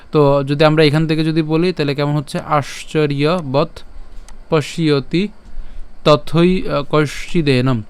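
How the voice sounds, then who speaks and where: A man teaching the recitation of a scripture verse, breaking it into syllables and chanting it slowly, patient and checking often that listeners follow. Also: fairly high pitch, clean tone. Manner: patient, often asks "all right?". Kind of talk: online recitation tutorial.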